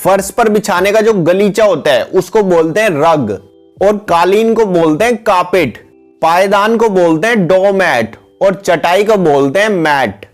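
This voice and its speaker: A man teaching English words for household items in a steady, repetitive voice-over, calling his viewers guys. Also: high-pitched, measured pace, soft background music. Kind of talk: vocabulary lesson voice-over with pictures.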